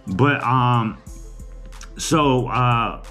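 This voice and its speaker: This man speaks very slowly in a medium-pitched, slightly bright voice, casually chatting about his day to a camera set on a table in a small room. Soft background music plays as the vlogger stays chatty, laid-back and teasing.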